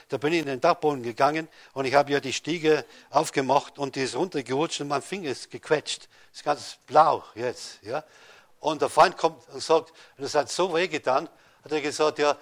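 A man preaching a sermon, addressing listeners directly with rhetorical questions and swinging between loud rises and soft drops. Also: a little high, moderate pace. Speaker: pastor.

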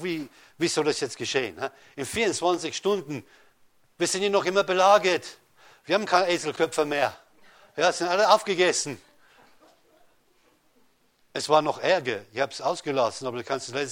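A man preaching a sermon, addressing listeners directly with rhetorical questions and swinging between loud rises and soft drops. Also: a little high, lively intonation, moderate pace. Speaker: pastor.

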